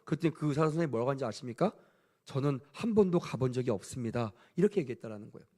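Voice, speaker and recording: A man preaching a sermon as pastor, telling a story with lively rhetorical questions to the congregation. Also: a little high. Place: church service.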